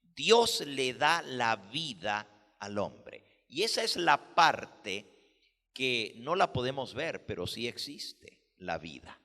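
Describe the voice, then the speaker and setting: A man preaching a sermon as pastor, teaching slowly and deliberately, explaining words with care. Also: mid-range voice, big pitch swings, bright, forceful tone, long reverb tail. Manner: slow, deliberate teaching with careful word explanations.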